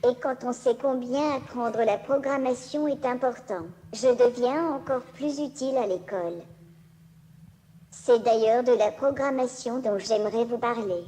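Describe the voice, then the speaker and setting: A woman's voice: on the high side, a little slow, warm tone, low-quality recording. A synthetic female robot voice of a small cheerful humanoid robot, giving a neatly enunciated scripted presentation. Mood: polite, playful.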